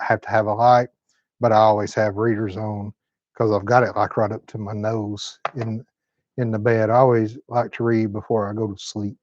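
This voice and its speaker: A fifty-year-old man hosting a live stream from home, chatting in an easygoing, folksy Southern manner. His voice sits at a middle pitch. The audio is dry with a slightly muffled, dull top end. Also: no echo. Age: 50s. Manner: folksy, laid-back Southern talk. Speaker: host. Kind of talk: live-stream chat reading comments.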